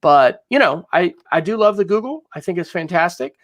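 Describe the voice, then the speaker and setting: A man's voice: sits high, expressive, normal speed, a bit bright. A man co-hosting an education technology podcast, upbeat and enthusiastic as he recommends websites in casual talk. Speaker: podcast co-host. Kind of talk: casual tech chat.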